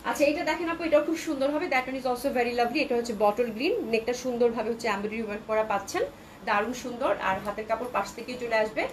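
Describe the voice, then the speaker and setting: Selling clothes online in a live stream, a Bangladeshi woman talks rapidly and chattily in a fairly high voice, reading out comments from viewers. A cold has made her throat slightly sore, and the rough recording has a faint noise underneath.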